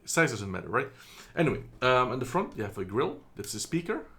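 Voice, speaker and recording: Indoors, on a phone camera, a man from the Netherlands chats through a casual product review, stumbling with ums and fixing his words. He speaks briskly in a sing-song, mid-range voice with a fairly bright tone.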